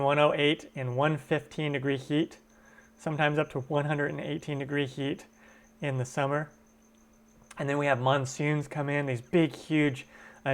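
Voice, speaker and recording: Using a computer webcam mic at home, a man with a clear, resonant, medium-pitched voice leads a casual Q&A stream for his cooking channel. He greets the audience and replies to comments coming in through chat.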